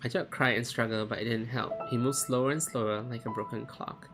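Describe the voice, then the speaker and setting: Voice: medium pitch, fairly even intonation, brisk. A game streamer reading a story aloud. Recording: music behind the voice.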